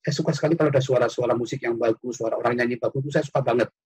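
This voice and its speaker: A man hosting an online call-in, preaching casually and answering a caller with animated, lively delivery. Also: racing, slightly rough. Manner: animated, jumps high when quoting or shouting. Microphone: computer mic on an online call.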